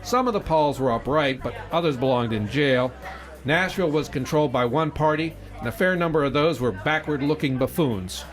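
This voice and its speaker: In a radio drama, a man plays a wisecracking, old-fashioned newspaper reporter, narrating with wry, hard-boiled, slangy wit. His voice is a little high, animated and close to an everyday voice, at normal speed, recorded with a roomy echo and faint music behind.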